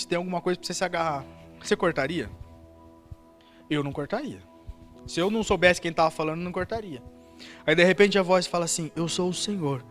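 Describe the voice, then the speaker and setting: A Brazilian man preaching a sermon as pastor, with a rather high voice. He builds his story by repeating words for emphasis, and soft music plays faintly behind him in the church. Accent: Brazilian Portuguese. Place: church service.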